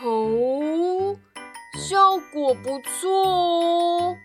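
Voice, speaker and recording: A woman voicing a teary-eyed lion who grumbles and complains in drawn-out words. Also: very high voice, lively intonation, fairly bright tone, soft background music, voice pushed up, heavily acted. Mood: grumbly.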